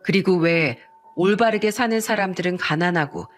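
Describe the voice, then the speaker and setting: A woman narrating a first-person story in a plain, even reading manner. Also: lowish voice, moderate pace, soft background music.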